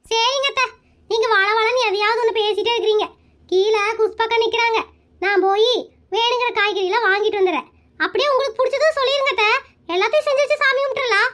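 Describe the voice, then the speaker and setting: A woman's voice: very high voice, quick pace, a bit bright. A woman voicing a cheeky young daughter-in-law in a cartoon skit, teasing and sarcastic.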